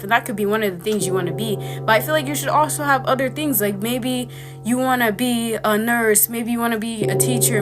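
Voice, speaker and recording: A woman hosting a casual commentary video, talking frankly in a chatty, slangy way. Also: fairly high pitch. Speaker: host. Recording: background music under voice.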